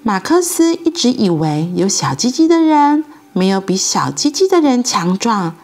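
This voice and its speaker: Animated woman reading a children's story. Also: mid-range voice, moderate pace, soft background music. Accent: Taiwanese Mandarin.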